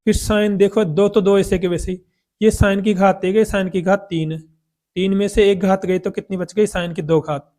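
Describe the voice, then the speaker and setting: A man's voice: high voice, flat delivery, normal speed, dark tone. A man teaching a math lesson, asking questions and answering them himself.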